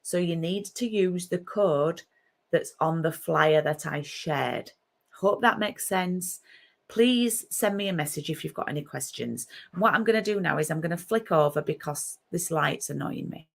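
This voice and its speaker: A middle-aged woman speaks in a low, creaky voice at a slightly slow pace, her Yorkshire accent marking her as from Yorkshire, England. She's chatting casually on a craft live stream in her home craft room and greets viewers by name.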